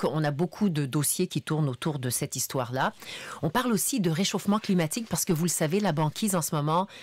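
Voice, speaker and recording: A woman's voice: low voice, darkish tone, no echo. A woman radio journalist explaining news stories earnestly in a studio chat.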